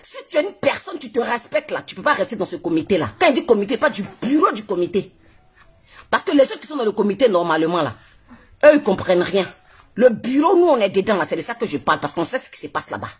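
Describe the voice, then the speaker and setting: A woman's voice: mid-range voice, big pitch swings, fast talker, husky. A woman with an Ivorian French accent, a blogger ranting on a Facebook live stream into her phone, mocking and scolding with a lot of laughter. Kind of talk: heated live-stream rant.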